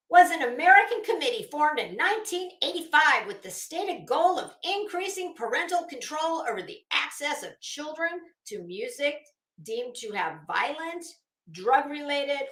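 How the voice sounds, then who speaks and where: Her high voice sounds pushed and bright as this middle-aged woman hosts a livestream, offering brash, sweary, opinionated commentary with dramatic emphasis. The room has a noticeable echo.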